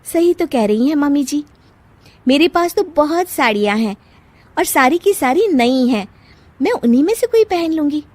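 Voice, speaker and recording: A woman plays a young cartoon daughter-in-law, feisty and defiant. The voice sits very high with lively swings, ready to argue, in a close dry recording. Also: dry recording. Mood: sweet. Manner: indignant, quick to argue. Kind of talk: Hindi moral cartoon voice acting.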